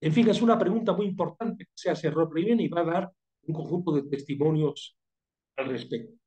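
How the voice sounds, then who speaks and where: A man's voice: on the high side, mellow. An older man with a Mexican Spanish accent leading a university seminar, speaking in a thoughtful, digressive way and coughing from a cold. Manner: thoughtful, digressive, pausing and restarting phrases. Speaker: seminar leader.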